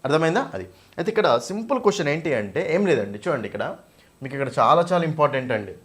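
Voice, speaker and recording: A man's voice: a little high, sing-song, very fast, a bit bright. A man teaching English grammar for an exam in Telugu-accented speech, mixing in English terms and asking students questions that he answers himself. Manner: asks students questions and answers them himself, repeats key points. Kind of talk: exam-prep grammar lesson.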